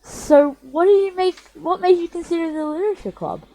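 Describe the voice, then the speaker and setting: A woman's voice: very high-pitched, fairly quick, dark tone, pitched above the performer's own voice. A woman voicing a poised, confident teenage club president with a sweet, composed manner.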